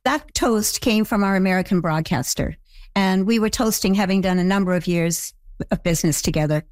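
A woman's voice: mid-range voice, brisk, no echo. An older woman from Canada, a TV show creator, answering interview questions reflectively with stammered restarts.

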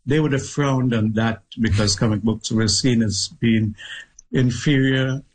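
Husky Trinidadian man, reflective storyteller. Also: medium pitch, low-quality recording. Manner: measured, thoughtful, with pauses and restarts. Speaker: guest author.

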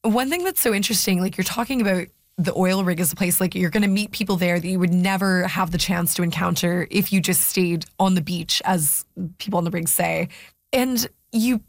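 A woman's voice: on the low side, a little fast, no echo, clean studio sound. A woman interviewing a guest, curious and loose, with many fillers. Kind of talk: interview conversation.

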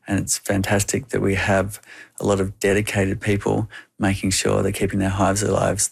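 An Australian man with a low, gravelly voice gives explanatory answers as an interview guest. His intonation stays quite flat and even throughout.

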